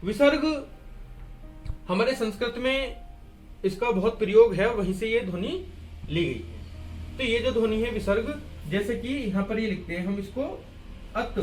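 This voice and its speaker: A man's voice: high voice, normal speed, darkish tone, soft background music. A man teaching a Hindi grammar lesson at a board. He asks and answers his own questions and repeats key words. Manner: writes and erases on a board while explaining.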